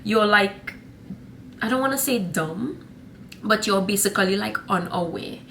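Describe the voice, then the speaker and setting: In a casual chat to camera, a young Trinidadian vlogger from Trinidad and Tobago rambles in a sassy way and calls her viewers honey and y'all. Her medium-pitched voice is bright and forceful, a little slow. Slight background noise is present.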